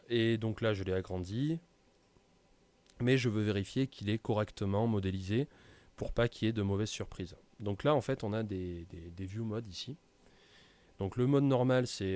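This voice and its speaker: Man, low and warm, talks through a screen tutorial loosely. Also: moderate pace. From France. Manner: casual, many hesitations and fillers. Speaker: tutorial presenter. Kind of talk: screen-recorded software tutorial.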